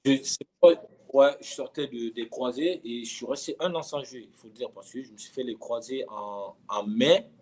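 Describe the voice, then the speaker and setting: A man in his thirties, a professional footballer guesting on an interview, tells stories casually and keeps repeating words and phrases for emphasis. His mid-range voice has a darkish tone and a moderate pace. The audio quality is poor.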